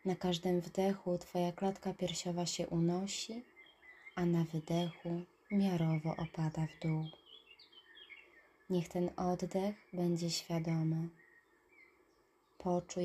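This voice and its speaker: A woman narrating a guided relaxation in a soft, calm voice that trails into breathy whispers. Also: fairly low pitch, a little hiss or hum. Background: birdsong and nature ambience.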